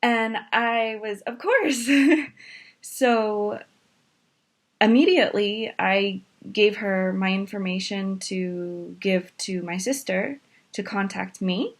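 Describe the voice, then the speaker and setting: A woman in her twenties from Maine, telling her own story in a casual, animated way, with many fillers and quick rushes of words. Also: mid-range voice. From Maine, USA. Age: 20s.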